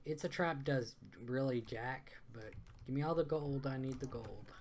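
Very deep-voiced bossy woman gamer. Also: moderate pace, a little mellow, a little hiss or hum. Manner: bossy, scolding, bickering with teammate. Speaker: streamer playing a team game. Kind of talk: casual gaming banter.

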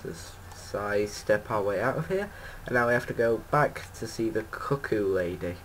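A man's voice: on the low side, lively intonation, moderate pace, fairly bright tone, a little hiss or hum, poor audio. A man giving casual gameplay commentary as a let's play host, rambling and correcting himself with many ums.

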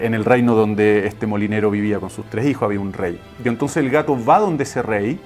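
A man's voice: medium pitch, a little mellow. A man, a teacher, telling a fairy tale in a chatty, casual way, correcting himself and adding wry asides. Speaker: teacher and storyteller.

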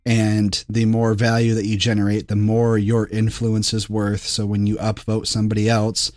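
Fairly low guy on a podcast, curious, recaps stuff, faint music under it. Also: a little mellow, no echo. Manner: curious, sums things up in his own words. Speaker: podcast co-host. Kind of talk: casual chat.

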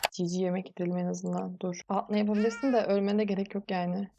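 Gravelly-voiced woman narrating her gameplay. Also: mid-range voice, little pitch movement, fast talker, dark tone, highs cut off, a little hiss or hum. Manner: chatty, scolding the game characters. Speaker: gameplay commentator. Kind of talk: casual let's-play commentary.

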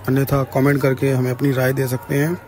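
A man's voice: medium pitch, monotone, a little fast, darkish tone. Young man vlogging in a crowded shrine. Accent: Farrukhabad Hindi. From India. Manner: chatty, points things out to viewers. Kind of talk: casual walking tour vlog. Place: crowded decorated shrine courtyard at night. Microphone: handheld phone camera.

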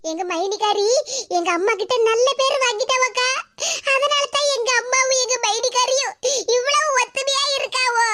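A woman's voice: moderate pace, pushed and bright. A woman voicing a sulky, jealous young married woman in a cartoon, complaining in a Tirunelveli Tamil accent. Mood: whiny. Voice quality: high and squeaky. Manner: whiny, complaining.

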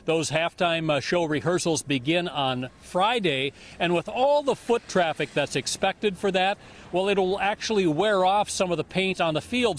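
An older man reporting live for TV news, speaking outdoors at night into a handheld microphone in a brisk, conversational way. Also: a little high. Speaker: field reporter. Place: outdoors at night outside a stadium.

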